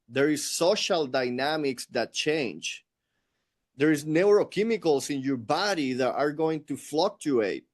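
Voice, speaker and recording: A middle-aged man from Venezuela with a Venezuelan Spanish accent, a Spanish speaker, telling his story as an interview guest in an earnest, reflective way. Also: on the high side.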